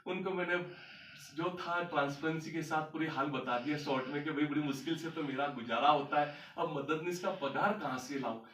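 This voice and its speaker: A man's voice: a little high, a little fast, a bit bright, recorded from a distance, slight background noise. A man telling a story about his life to an audience as a motivational speaker, recorded in a large hall. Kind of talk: storytelling talk on stage.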